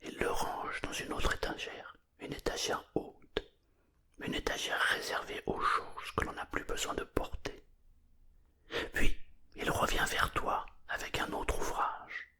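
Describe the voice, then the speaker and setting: A narrator tells a bedtime story in a breathy, murmured whisper. The delivery is hushed and soothing, with gentle pauses between phrases.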